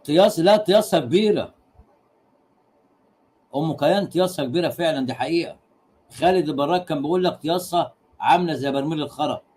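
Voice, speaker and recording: A rowdy Egyptian man with a fairly high voice hosts a casual livestream. He teases his audience, repeats the same punchline again and again, and breaks into laughter between crude jokes. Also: quick pace, pauses often, darkish tone. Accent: Egyptian Arabic. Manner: laughs often while talking. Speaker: livestream host.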